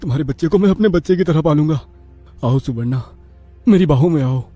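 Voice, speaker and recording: A woman voicing a gentle, devoted young husband who speaks softly and tenderly in a storybook tale. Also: deep voice, lively intonation, fairly quick, soft background music, pitched below the performer's own voice. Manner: soft, pleading, tender.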